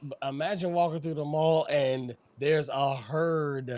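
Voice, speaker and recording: A man's voice: fairly high pitch, a little slow, no room sound. A man co-hosting a podcast in casual chat, with an American accent and a jokey, playful way of telling stories. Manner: lively, jokey storytelling with playful asides. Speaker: podcast co-host.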